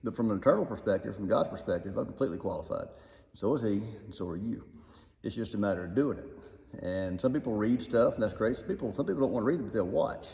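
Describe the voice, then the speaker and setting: A man with a Southern US accent chatting casually about faith as a guest, talking fast and self-deprecatingly, his voice echoing inside a barn. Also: fairly low pitch, expressive, gravelly, dark tone. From Alabama, US South. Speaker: guest speaker.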